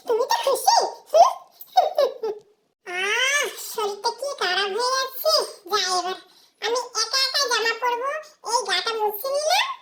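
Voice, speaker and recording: A woman's voice: very high-pitched, expressive, takes it slowly, pauses often, noisy background, pitched above the performer's own voice, full character voice. A woman voicing a small cheeky boy in a playful home role-play, babyish, giggly and clingy with his mother. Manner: babyish, giggly, calling out and teasing.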